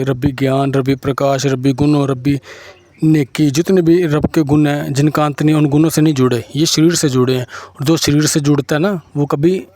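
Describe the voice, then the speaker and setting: A man's voice: on the high side, dark tone, slight background noise. A man preaching a sermon insistently, repeating his phrases in chanted lists.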